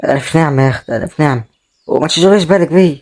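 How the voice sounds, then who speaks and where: A man's voice: a little high, rapid-fire, a little mellow, natural voice. An actor with an Egyptian accent playing a proud, kind brother who has lost everything and keeps telling his sister not to worry. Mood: reassuring. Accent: Egyptian Arabic. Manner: reassuring, brushes off worry. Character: kind, proud brother left poor and homeless. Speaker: actor in a web drama.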